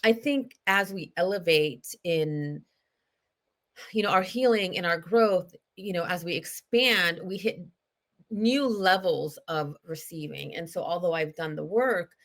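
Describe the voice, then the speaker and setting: A woman's voice: lowish voice, measured pace, fairly bright tone. A middle-aged woman hosting a solo podcast, talking in an earnest, confessional way with many fillers and restarts. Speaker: podcast host. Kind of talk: reflective solo podcast talk.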